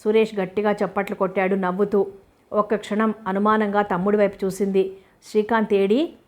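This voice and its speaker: Woman narrating a novel in an even, flat voice. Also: medium pitch, a little fast. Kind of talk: audiobook novel reading.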